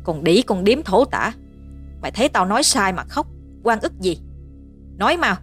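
A woman's voice: mid-range voice, very animated, normal speed, a bit bright, faint music behind. A woman voicing a middle-aged peasant mother who screeches curses and insults at her daughter. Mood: shrieking abuse. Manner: screeching, cursing tirade.

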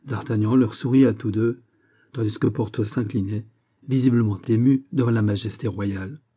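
Male audiobook narrator, low pitch, dark, measured reading. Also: steady tone, breathy edge.

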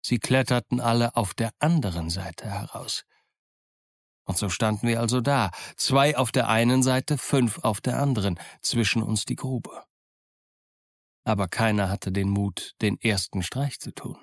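A man reading an adventure novel aloud in calm, measured first-person narration. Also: on the low side, dry recording, clean studio sound. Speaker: audiobook narrator.

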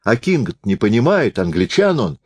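A man reading a folksy tale aloud in a warm, conversational storytelling manner. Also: on the low side, big pitch swings, normal speed, breathy edge, no room sound. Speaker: reader.

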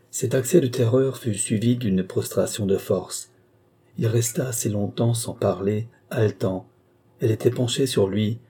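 A man narrates an audiobook in a measured, expressive way. His voice is low, very dark and husky. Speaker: audiobook reader.

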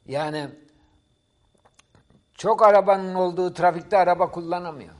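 A man's voice: high voice, moderate pace, darkish tone. A middle-aged man, a professor appearing as a guest, explaining ideas in a didactic, emphatic way during a talk-show discussion.

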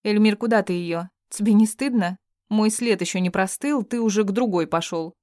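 A woman's voice: mid-range voice, moderate pace, warm tone, no room sound, clean studio sound, pitched above the performer's own voice, natural voice. A woman voicing a rude, jealous young woman who snaps and mocks, in an audiobook reading. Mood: reproachful. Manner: snappy, scornful.

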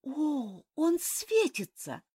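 A woman reading the part of an excitable, indignant young princess in an audiobook. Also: very slow, full character voice. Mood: wondering. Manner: high, breathless and reproachful.

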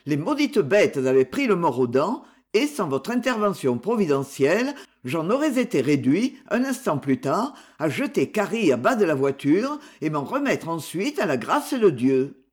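A man's voice: fairly high pitch, big pitch swings, moderate pace, breathy edge. A man reading a storybook, voicing a courteous, well-off older father who speaks with effusive, polite gratitude. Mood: grateful.

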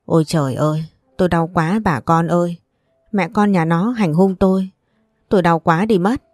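A woman's voice: lowish voice, moderate pace, no room sound, studio quality, close to an everyday voice. Woman reading as a violent old grandfather. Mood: wailing. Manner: shouting threats. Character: desperate grandfather, violent, loud.

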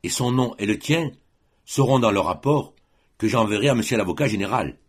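A man voicing a boastful gendarme sergeant who greets people loudly and with too much friendliness. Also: on the low side, expressive, a little fast, breathy edge. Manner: hearty, loud, overly friendly.

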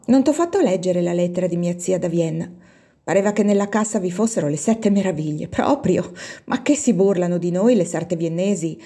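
A woman reading the part of a proud young noblewoman who speaks in lively, exclamatory bursts. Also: lowish voice, fairly quick, slightly rough. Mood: indignant. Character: beautiful, poor noble young woman Giulia, indignant.

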